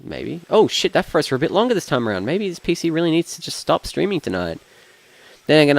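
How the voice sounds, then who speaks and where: A man's voice: on the low side, gravelly. A young Australian man casually commenting on a racing game while he plays, rambling and thinking aloud, often trailing off mid-sentence. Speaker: streamer.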